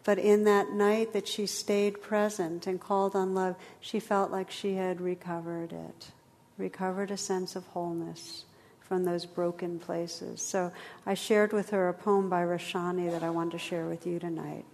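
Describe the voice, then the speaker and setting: Woman leading a meditation class, gentle soothing unhurried voice, pretty flat tone, long hall reverb. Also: on the low side. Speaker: meditation teacher. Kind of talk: guided meditation and reflective talk to a class.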